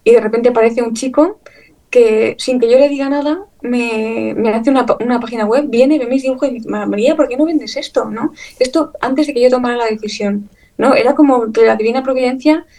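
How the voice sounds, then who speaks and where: Chilean-born woman, lively and emotional. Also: on the high side, brisk, recorded from a distance, low-quality recording. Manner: emotional, animated storytelling with many fillers and laughs. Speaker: guest, illustrator. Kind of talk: conversational interview.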